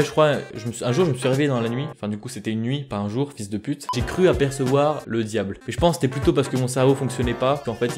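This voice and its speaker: A young man answering viewer questions in a casual vlog, with crude, jokey, self-mocking banter and mock outbursts. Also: mid-range voice. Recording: music playing underneath.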